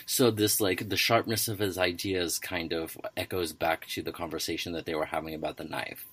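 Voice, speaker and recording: A man hosting a casual study discussion, thinking aloud in halting phrases full of fillers and restarts. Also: low-pitched, fairly even intonation, fairly bright tone, slightly rough. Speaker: podcast host.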